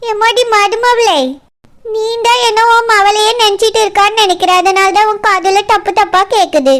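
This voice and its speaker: A sly old cartoon grandmother, played by a woman, coaxing and sugary, with a Kanyakumari Tamil accent. Her voice sits very high and squeaky for a grown woman. She stretches her words when she sweet-talks. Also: fairly even intonation, a bit bright. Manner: coaxing, drawn-out endearments. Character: scheming old grandmother, sweet-talking mother-in-law.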